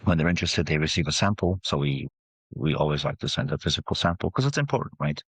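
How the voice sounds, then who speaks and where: Very deep, husky-voiced man. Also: fast, no echo. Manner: relaxed, explains with examples. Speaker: game industry guest. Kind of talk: conversational interview. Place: podcast recording.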